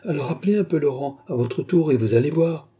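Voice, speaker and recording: A man's voice: a little high, brisk, warm tone, voice pushed up, lightly acted. A man doing a frightened, indignant queen. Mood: exasperated. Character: distressed young queen, proud and frightened.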